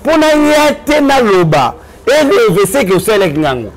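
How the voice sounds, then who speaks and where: A man, talking in an animated, preachy way on a casual web TV show. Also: high voice, moderate pace. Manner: animated, preachy, mixing Lingala and French. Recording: crowd noise behind.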